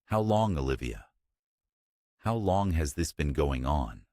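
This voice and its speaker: A man's voice: very deep voice, sing-song, takes it slowly, dark tone, dry recording, clean studio sound, exaggerated voice. A man voicing an angry, betrayed young fiancé who speaks sharply and demands answers. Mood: angry, accusing.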